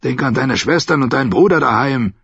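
A man voicing a steady young man who firmly encourages an exhausted friend. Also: mid-range voice, a little fast, gravelly, slightly rough, dry recording, dull audio, voice pushed up, exaggerated voice. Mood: coaxing. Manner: firm, encouraging.

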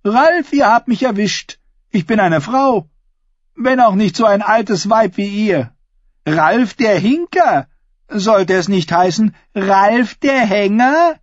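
A man's voice: high voice, measured pace, dry recording, highs cut off, voice pushed up. A man voicing a cocky, mocking sea-captain's daughter. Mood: teasing. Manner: teasing, cocky, commanding. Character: bold mocking young woman, ironborn captain's daughter.

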